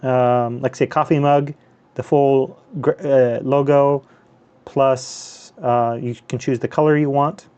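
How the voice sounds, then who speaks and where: Chatting casually over gameplay on a live stream, this handheld gaming host from the US and Canada has a medium-pitched, slightly mellow voice with a clean tone. He speaks slowly and steadily, wandering loosely with plenty of fillers and restarts.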